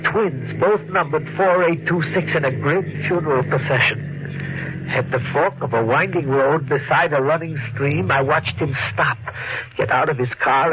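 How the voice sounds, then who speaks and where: In a noisy, dull 1940s radio recording, a male actor plays a haunted, guilt-ridden husband narrating his murderous obsession, delivering both narration and dialogue in a brooding, dramatic manner with deliberate phrasing. His voice is on the high side, close to an everyday voice.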